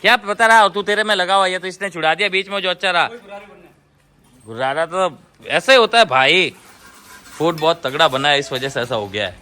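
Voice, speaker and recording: A man working as a dog trainer talks casually to the camera at a dog hostel, often breaking off to shout firm orders and gentle coaxing at the dogs. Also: sits high, expressive, a little fast. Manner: commanding and coaxing dogs, often rising sharply.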